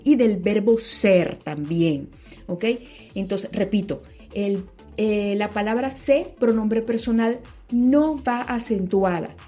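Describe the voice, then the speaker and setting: A woman explaining grammar rules in a spoken lesson, slowing down on key points and correcting herself as she goes. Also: mid-range voice, warm tone. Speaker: teacher.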